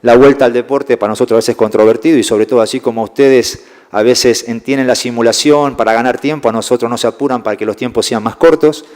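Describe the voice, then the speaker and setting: A man's voice: medium pitch, fairly even intonation, fast talker, few pauses, darkish tone. Argentine man lecturing in a reverberant hall. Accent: Rioplatense Spanish. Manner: explanatory, keeps checking in with "¿eh?" and "fíjense". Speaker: sports medicine lecturer. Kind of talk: classroom lecture to young referees.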